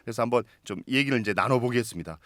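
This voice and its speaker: A man's voice: medium pitch, very fast, a bit bright, dry recording, clean studio sound. A man hosting a talk show, introducing guests and putting questions to them. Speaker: host.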